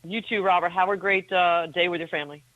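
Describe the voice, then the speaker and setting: A woman's voice: on the low side, steady tone, fast, dry recording. A woman co-hosting a talk radio show, chiming in chattily, with slightly muffled sound. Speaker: radio co-host. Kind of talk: casual talk radio chat.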